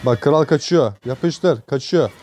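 A young man from Turkey giving casual, excitable gameplay commentary, joking and swearing at the game from a desk mic at home. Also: a little high, takes it slowly. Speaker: gameplay streamer.

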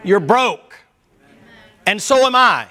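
A man's voice: high voice, animated, slow pace, bright, forceful tone. A man preaching a Sunday school sermon in a folksy, joking and emphatic way.

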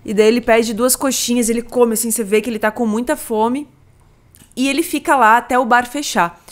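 A woman's voice: a little high, fairly even intonation, fairly quick. A woman hosting a podcast, chatting casually and summarizing a film plot, with acted quotes. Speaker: podcast host.

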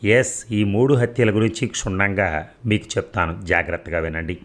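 A man's voice: lowish voice, fairly even intonation, normal speed, a bit bright, lightly acted. A man voicing a matter-of-fact male doctor who explains findings in a clinical way.

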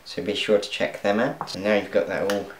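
In his home kitchen, a young male vlogger chats casually to viewers while cooking and laughs at his own errors. His lowish voice is fairly quick, with fairly even intonation. The kitchen echoes and pans clatter faintly.

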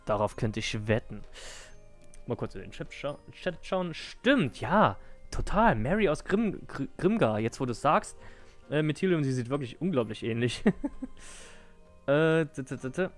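A man in his twenties streaming a game, chatting casually in soft, rambling asides with restarts. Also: fairly high pitch, animated, unhurried, soft background music. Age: 20s. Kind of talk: casual live-stream chat.

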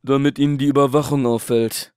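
A man's voice: mid-range voice, flat delivery, brisk, a little mellow, clear, resonant tone, no echo, studio quality, lightly acted. A man playing a cold, smug middleman. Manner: clipped, commanding, coolly threatening. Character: cold scheming male middleman, smug and menacing. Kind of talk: audiobook drama acting.

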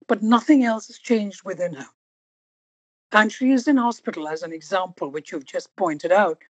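A woman hosting an interview podcast, talking reflectively and stressing single words slowly for emphasis. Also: fairly low pitch, slightly rough, no room sound, rough recording. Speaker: podcast host.

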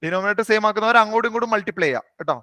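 A man teaching a live online maths class, briskly quizzing and coaxing students by name. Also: high-pitched, pushed and bright, no echo.

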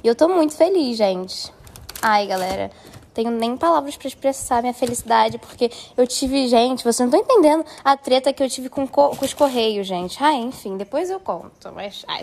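A woman's voice: fairly high pitch, lively intonation, a little fast, creaky, darkish tone. A young woman vlogger talking casually to her followers in a gushing, chatty way. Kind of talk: casual phone stories.

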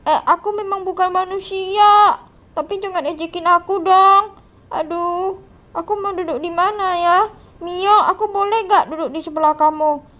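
A woman's voice: very high-pitched, steady tone, normal speed, a bit bright. A woman voicing a teased, lonely monster schoolkid with a whiny, plaintive way of talking in a game role-play.

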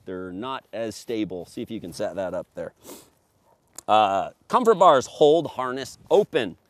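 A man's voice: on the low side, animated, a little slow, no echo. A middle-aged man who deals in paramotors gives an enthusiastic product walkthrough outdoors on a grassy field, recorded by a camera on a tripod. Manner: enthusiastic, emphatic salesman. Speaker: paramotor dealer.

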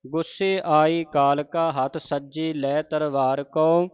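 A man teaching scripture pronunciation, reciting verses slowly in a measured chant and stopping to correct words. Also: a little high, steady tone, clean tone, lo-fi sound. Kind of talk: slow recitation lesson with corrections.

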